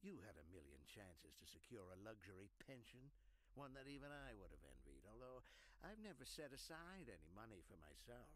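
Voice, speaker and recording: Smug supervillain mayor, wildly swooping delivery. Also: male voice, on the low side, sing-song, a bit bright. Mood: veiled threat. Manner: slow menacing villain monologue, hesitant pauses, oily. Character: smug corrupt city mayor, smiling supervillain. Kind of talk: scripted video game voice acting.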